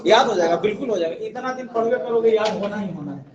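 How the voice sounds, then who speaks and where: A man's voice: high-pitched, expressive, quick pace, highs cut off, a crowd in the background. A male grammar teacher, teaching a class and drilling rules by asking his students to repeat. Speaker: Hindi and Sanskrit grammar teacher. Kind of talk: classroom lesson. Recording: echoey classroom from far off.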